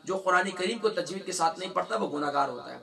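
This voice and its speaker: A man in his middle years leads a recitation lesson in a bright, sharp voice. He breaks the words into slow, drawn-out sounds, chuckling between explanations. His voice sits a bit far from the mic. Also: high voice, animated, creaky. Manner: demonstrates sounds slowly, repeating letters with drawn-out recitation. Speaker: Quran recitation teacher. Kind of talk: religious lesson with recitation drills.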